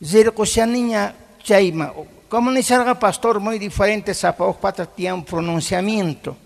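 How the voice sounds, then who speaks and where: A man's voice: high voice, normal speed, creaky. A middle-aged man preaching a sermon to a congregation, emphatic and often putting questions to his listeners, mixing in Quechua words. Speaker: pastor. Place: church congregation hall. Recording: long hall reverb.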